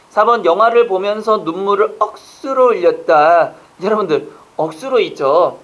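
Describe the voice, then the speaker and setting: Man lecturing with quick rhetorical questions. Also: high-pitched. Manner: quizzes listeners with rapid rhetorical questions; casual joking asides. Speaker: exam prep lecturer. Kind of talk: online exam lecture.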